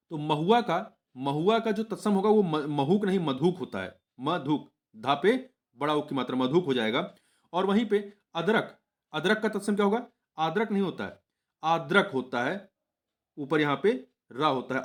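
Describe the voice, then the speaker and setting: A young man teaching exam preparation, going through test questions one by one, patiently repeating each answer and correcting himself mid-word. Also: fairly high pitch. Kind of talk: explaining Hindi test answers.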